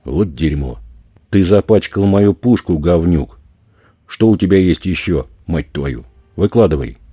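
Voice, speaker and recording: A man voicing a rough, crude male street robber who swears and bullies, in a husky raised voice. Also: rumbling low, moderate pace, no echo, clean studio sound. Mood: aggressive, yelling. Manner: loud, swearing, bullying.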